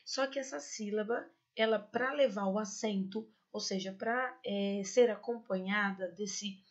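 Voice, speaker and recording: A Brazilian woman teaching a high school Spanish class, explaining accent rules patiently and checking in with tag questions. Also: measured pace, highs cut off. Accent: Brazilian Portuguese. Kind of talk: online class lecture.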